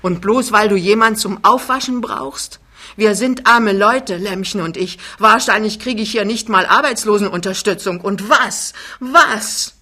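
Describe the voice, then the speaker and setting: An anxious young husband, halting yet insistent as his voice climbs, as a woman reads him. The tone is bright and sharp. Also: mid-range voice, voice pushed up. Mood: upset. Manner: halting, pleading, rising.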